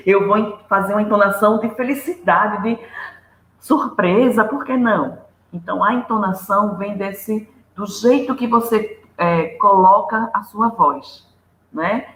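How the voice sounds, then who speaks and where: A woman's voice: mid-range voice, a bit bright. Woman lecturing in an echoey room. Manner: didactic, listing tips with examples. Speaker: lecturer on storytelling.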